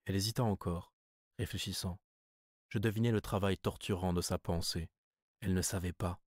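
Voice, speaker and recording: Low-voiced male audiobook narrator. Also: fairly even intonation, fairly quick, darkish tone, no room sound, clean studio sound.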